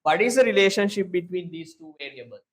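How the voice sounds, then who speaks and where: A man teaching an economics class, repeating key terms slowly and quizzing students. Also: high-pitched, expressive. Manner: repetitive, drilling key terms and questioning students. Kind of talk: online class lecture.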